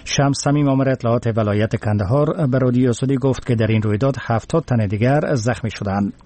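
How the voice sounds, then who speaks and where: A man's voice: medium pitch, mellow, no room sound. A man with an Afghan accent reading scripted news headlines formally.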